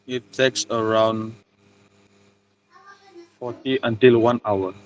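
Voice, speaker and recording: A man's voice: mid-range voice, fairly even intonation, slow pace, poor audio. Young man from Malaysia, plain answers. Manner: plain, with hesitations and restarts. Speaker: interviewee. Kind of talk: casual interview answers.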